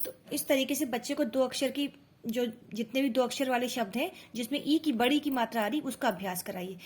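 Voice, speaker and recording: A woman with a high, light voice gives a patient instructional lesson. She explains each step, slows down to sound out syllables one by one, and keeps checking in with her listeners. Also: a little mellow, a little hiss or hum. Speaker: teacher and mother. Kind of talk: instructional lesson for parents and teachers.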